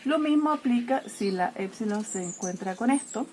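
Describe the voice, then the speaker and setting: A woman teacher explaining grammar to her students, checking in constantly with a quick "¿ya?" and playfully treating letters as if they fight and die. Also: a little high, lively intonation, darkish tone, slight background noise. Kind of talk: explaining Greek grammar lesson.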